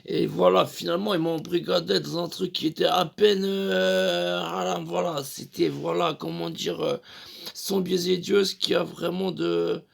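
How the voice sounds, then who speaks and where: A man's voice: sits high, steady tone, measured pace, gravelly. A young man telling a crude, rambling comic story full of fillers. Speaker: comedian.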